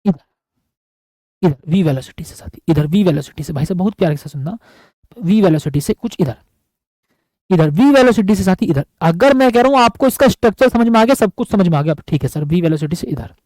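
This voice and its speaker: A high-pitched man gives a physics lesson at a board. He talks affectionately and repeats each point again and again. His voice sounds dry and close, with almost no room around it. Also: lively intonation, fairly quick, darkish tone, no echo, rough recording. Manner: affectionate, repetitive, calls students buddy. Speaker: physics teacher. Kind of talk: board lecture.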